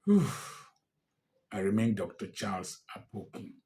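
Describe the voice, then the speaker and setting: This is a male commentator in his sixties, Nigerian-accented, making a passionate political address that is emphatic, defiant, and sometimes explodes in anger. His lowish voice is warm and very animated, though his pace stays measured.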